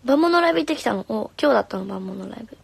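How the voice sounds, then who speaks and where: A young woman, a singer, chatting casually on a live stream, reading comments in a soft, friendly way and sometimes whispering. Her voice is slightly hoarse. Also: a little high, expressive, very fast, no echo. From Japan. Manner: soft and friendly, drops to whispers now and then. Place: home room. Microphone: phone.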